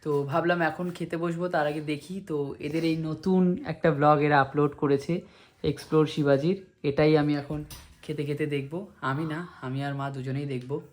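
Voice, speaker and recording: A man's voice: fairly high pitch, steady tone, normal speed. A man with a Kolkata Bengali accent, a vlogger and dance teacher, chatting casually in a rambling way and mixing in English phrases. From India. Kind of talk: casual vlog chat.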